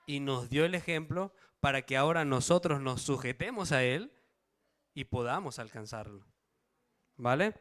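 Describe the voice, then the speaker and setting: With lively intonation, a medium-pitched and slightly bright voice, and a moderate pace, a man preaches a Bible study sermon to a congregation. He reads verses, asks questions of the people and checks in with them.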